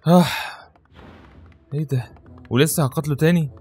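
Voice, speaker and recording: A man with an Egyptian Arabic accent giving live gameplay commentary, muttering to himself and breaking into panicked yelling. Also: on the high side, normal speed, slightly rough, faint music behind. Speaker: gaming channel host.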